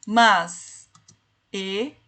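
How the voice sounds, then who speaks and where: Slow-speaking woman teacher. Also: mid-range voice, fairly even intonation, bright, forceful tone. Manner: explains slowly, counts syllables aloud, addresses students directly. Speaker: literature teacher. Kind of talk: online class lecture.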